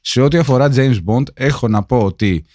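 A man's voice: mid-range voice, darkish tone. A man co-hosting a podcast, talkative and opinionated, often restarting his sentences. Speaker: podcast co-host. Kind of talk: casual chat.

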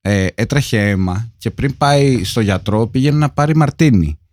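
Male podcast co-host at mid pitch; opinionated, chatty delivery. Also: lively intonation, a little mellow. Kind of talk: casual chat.

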